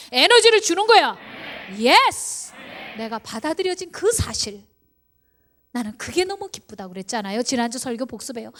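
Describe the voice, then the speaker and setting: Very high-voiced woman pastor preaching. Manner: animated, acts out believers' inner voices; exhorting, rhetorical questions. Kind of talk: sermon.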